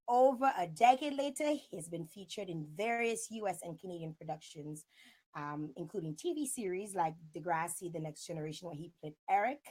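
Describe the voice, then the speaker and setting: Over a video call from a room indoors, a talk show host in her thirties conducts a casual chat interview with plenty of expression. She has a fairly low, slightly mellow voice.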